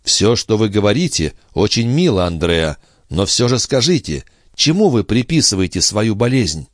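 A man reading an audiobook voices a worried, tender young brother who asks gentle, concerned questions. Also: fairly low pitch, sing-song, normal speed, no echo, studio quality.

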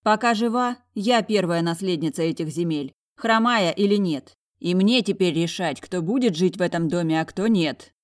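A woman's voice: on the low side, normal speed, hardly any pauses, close to an everyday voice. Woman voicing a stern, commanding young heiress. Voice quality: firm, commanding.

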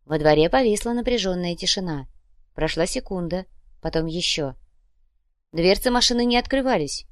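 A woman's voice: fairly low pitch, no echo. Woman narrating a story, dry sound. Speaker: audiobook narrator. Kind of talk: scripted narration.

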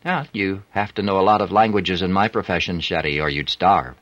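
A man's voice: low voice, brisk, fairly bright tone, no echo, lo-fi sound, voice pushed up. Man doing a flirty French streetwalker. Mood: coaxing. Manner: teasing, coaxing, broken English.

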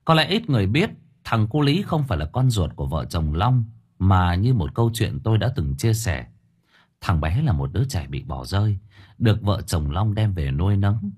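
A man narrating a story in the first person, lively and expressive. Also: fairly low pitch, moderate pace, husky.

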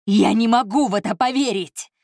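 A woman narrator voicing an agitated, feverish man who complains and shouts dramatically. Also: mid-range voice, unhurried, no room sound, clean studio sound, natural voice. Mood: angry. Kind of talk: audiobook character voice.

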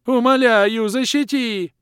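Squealing swamp creature. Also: male voice, steady tone, slow, a bit bright, clean tone, no echo, clean studio sound, full character voice. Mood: pleading wail. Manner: shrill frantic squealing. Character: panicky little male swamp water-creature.

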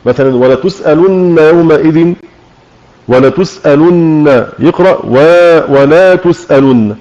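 A man with an Egyptian accent teaching a religious lesson, explaining with questions to his listeners and slowing down to demonstrate recitation. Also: fairly high pitch, darkish tone. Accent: Egyptian Arabic. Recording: muffled lo-fi online audio room.

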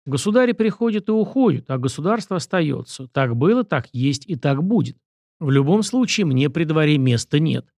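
A man's voice: a little high, sing-song, moderate pace, darkish tone, no room sound, clean studio sound. A man voicing a young nobleman who talks bluntly and dismissively. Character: young male nobleman, blunt and self-assured.

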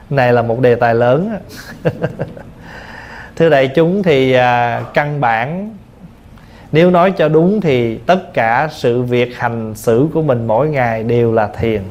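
A man's voice: medium pitch, slow, long pauses, darkish tone, dull audio. A male Buddhist monk teacher giving a dharma talk, explaining patiently through simple everyday examples. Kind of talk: dharma talk answering questions.

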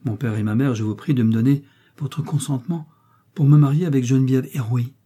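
A man reading an audiobook, voicing a young miller who speaks gently but firmly to his parents. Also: mid-range voice, brisk, husky, close to an everyday voice. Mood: calm, firm. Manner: gentle, firm. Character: calm determined young miller son.

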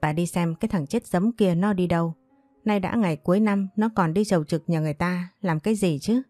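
Hot-tempered older father, shouting and scolding, slightly low and dark, read by a woman. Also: a little fast, dry recording, soft background music, close to an everyday voice. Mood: furious.

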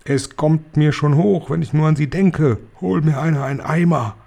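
A domineering little witch queen, as a man puts her on in a storybook reading shrieks commands in a raised, strained voice. She snaps and barks at her followers. The tone stays mellow at its core, never thin. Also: on the high side, moderate pace, creaky, voice pushed up. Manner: shrieking, barking orders. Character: tiny, furious, domineering female witch leader.

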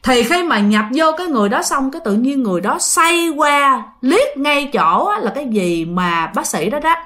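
A lively woman narrating a spooky tale to her audience. Her voice sits high and swings widely, with a bright, forceful tone as she acts out each voice. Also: moderate pace. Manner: animated, addresses listeners directly, acts out voices. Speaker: storyteller. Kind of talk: spoken ghost-story telling.

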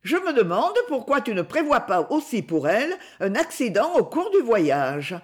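A woman's voice: a little high, very animated, moderate pace, voice pushed up. A woman reading aloud voices a spiteful, mocking young woman in an audiobook, sneering and scornful.

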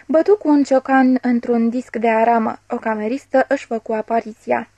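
A woman reading a classic novel aloud as an audiobook narrator, measured and expressive, voicing the dialogue. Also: fairly high pitch, dry recording, lo-fi sound. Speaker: audiobook reader.

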